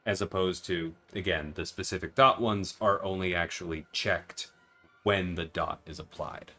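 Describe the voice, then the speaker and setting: A man's voice: low-pitched, fairly even intonation, moderate pace, sharp tone, soft background music. A man hosting a casual livestream, explaining game mechanics and answering viewers while he plays. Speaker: livestream host and game designer. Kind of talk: casual livestream chat and gameplay commentary.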